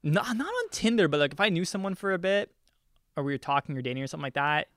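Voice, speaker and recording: Bright, bro-ish young man. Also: on the high side, sing-song, fast talker, dry recording, clean studio sound. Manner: bro-ish, slangy, sweary. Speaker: podcast co-host. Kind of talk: casual banter.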